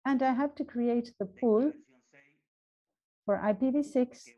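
A woman's voice: a little high, unhurried, mellow. Woman explaining tech step by step, muffled. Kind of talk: technical presentation. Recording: dull lo-fi webinar audio.

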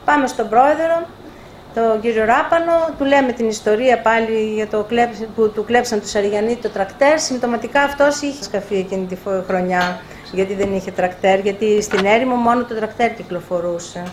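An older woman publisher with a voice on the high side tells animated anecdotes during a live interview, acting out the dialogue. It takes place in a bookshop event room, and the recording is echoey with faint background noise.

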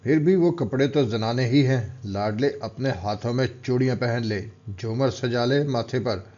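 A man voicing a gruff, stern older strongman who scolds and taunts, in a storybook reading. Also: medium pitch, measured pace, darkish tone, natural voice. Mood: taunting. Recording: dull lo-fi recording.

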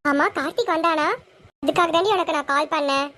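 A woman's voice: high voice, brisk, bright, forceful tone. A woman voicing a blunt teenage schoolgirl who scolds her friend. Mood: scolding.

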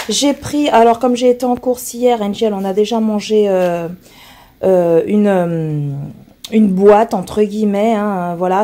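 A woman who is hoarse from being ill, chatting casually to camera as she shows her groceries, rambling with many fillers and restarts. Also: medium pitch, warm tone. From France. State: hoarse from illness. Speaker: vlogger showing her groceries.

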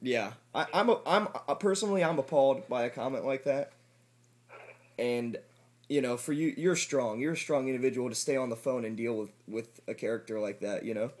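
A man's voice: mid-range voice, a little fast. A man acting as a supervisor on a phone call, effusive and overly sympathetic.

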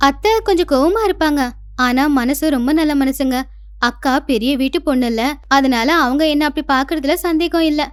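A woman voicing a meek, patient young daughter-in-law in a cartoon story, speaking gently and soothingly. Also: high voice, brisk, no echo, natural voice. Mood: gentle.

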